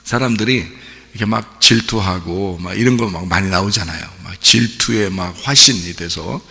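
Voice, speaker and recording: Male pastor, gravelly and bright; chatty sermon with rhetorical questions, church reverb. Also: sits low, normal speed. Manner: conversational preaching, frequent rhetorical questions. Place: church sanctuary. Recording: long reverb in a church hall.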